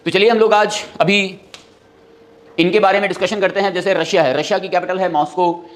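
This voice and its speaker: A male teacher giving a classroom lesson, running through countries and their capitals in a quick, steady rhythm and mixing Hindi with English phrases. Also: sits high.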